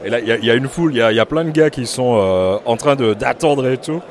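A man hosting a podcast on site, talking in a relaxed, joking way with many hesitations. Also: mid-range voice, fast. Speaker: podcast host. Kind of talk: casual podcast reporting on site. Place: indoor rum fair. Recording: loud crowd at a busy fair.

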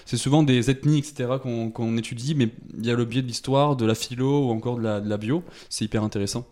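A young man talks quickly in a relaxed podcast chat, hesitating and restarting often as he explains a topic. His pitch sits in the middle of the range. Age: young adult. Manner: hesitant, many fillers and restarts. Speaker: podcast co-host presenting a segment. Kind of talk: casual chat.

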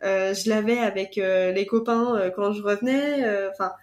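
A woman's voice: mid-range voice, fairly even intonation, moderate pace. A woman hosting a casual podcast chat, chiming in often with agreement and laughter. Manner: warm, frequent agreeing interjections and laughs. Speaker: podcast host.

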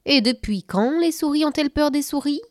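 A woman's voice: high-pitched, a little fast, no echo, clean studio sound, voice pushed up, close to an everyday voice. A woman voicing a brash, cheeky male tooth-fairy mouse with a Belgian French accent, talking in a mocking, cocky way. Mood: indignant. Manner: cocky, mocking, sprinkles "hein" and "là".

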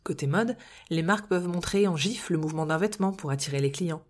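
A woman's voice: on the low side, fast talker. A woman hosting a podcast, reading a scripted explainer with wry, playful asides. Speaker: podcast host.

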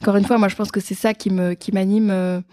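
A woman's voice: mid-range voice, little pitch movement, quick pace, warm tone, no echo. A woman, a fundraiser guest on a podcast, speaking casually with many fillers. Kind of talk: casual interview.

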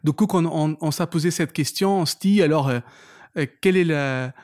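Guesting on a podcast for a casual interview, a startup founder from Portugal talks in Portuguese-accented English, Portuguese being his native language. He has a slightly high, somewhat mellow voice at a normal speed. His manner is hesitant and easy to laugh, with lots of fillers and restarts.

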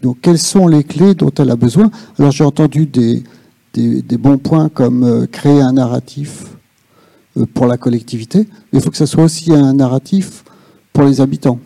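With a very dark timbre full of gravelly creak, this medium-pitched man speaks up as an audience participant at a policy workshop. His unplanned comments come out halting and thoughtful, with him groping for words, and the audio has no echo.

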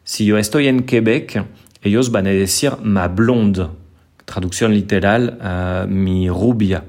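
A man's voice: on the low side, takes it slowly, darkish tone. A man from northern France with a French accent, a language teacher answering listener questions on his podcast, explaining patiently and repeating words as he searches for them.

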